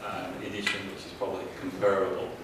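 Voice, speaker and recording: A professor seated at a conference panel table speaks monotonously in a low voice through a handheld mic, pausing on ums and frequently restarting. The microphone is distant, and the echoey room comes across as noisy and far off.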